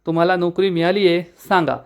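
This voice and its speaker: A man's voice: high-pitched, flat delivery, a little fast, smooth. A man reading the lines of a cheeky, joking young man in a retold story. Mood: joking, breezy. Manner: playful, reassuring.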